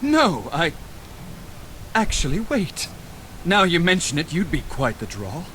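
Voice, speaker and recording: A man's voice: a little high, wildly swooping pitch, unhurried, bright, forceful tone, a little hiss or hum, heavily acted, low-quality recording. A man playing a pompous, theatrical carnival showman in a video game, with grandiose, flustered patter. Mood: wheedling.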